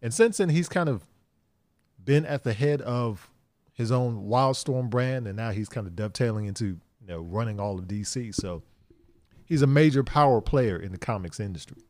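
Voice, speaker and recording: A man's voice: medium pitch, lively intonation, normal speed, darkish tone, no room sound. A man co-hosting a comics podcast who talks in a loose, rambling way with many fillers. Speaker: podcast co-host. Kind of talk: casual chat.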